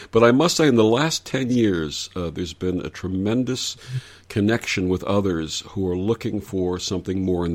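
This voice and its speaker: A man's voice: low voice, darkish tone. A man hosting a conversational interview in an effusive, emphatic and wordy way.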